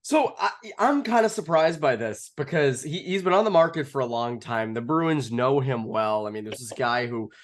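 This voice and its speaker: A man co-hosts a casual sports podcast with a dry, joking manner. His voice sits at a medium pitch. He fills gaps with "uh" and often restarts his sentences. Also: animated, moderate pace, hardly any pauses. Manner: wry, full of fillers and restarts, dry jokes. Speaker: podcast co-host.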